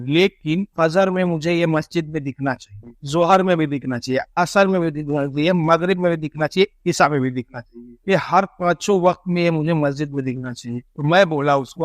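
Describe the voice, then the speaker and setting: Chatty man telling a story, slightly high voice. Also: no room sound, clean studio sound. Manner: chatty, retells conversations in quotes. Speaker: vlogger. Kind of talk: casual storytelling vlog.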